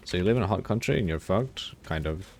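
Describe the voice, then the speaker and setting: Give me a deep-voiced man casually commentating his game stream, swearing and reacting to chat. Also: lively intonation, quick pace, slight background noise. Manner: swears freely, reacts loudly, reads chat messages aloud. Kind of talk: casual live-stream commentary while gaming.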